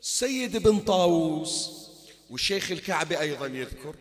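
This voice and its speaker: A male preacher reciting a mourning sermon, moving between soft, grieving narration and loud, lamenting cries. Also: fairly high pitch, sing-song, brisk.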